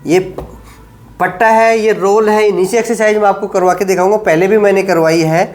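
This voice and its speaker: A middle-aged man teaching knee exercises as a yoga instructor, giving firm directions, repeating "ठीक है" and counting slowly through each hold. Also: sits high, fairly even intonation.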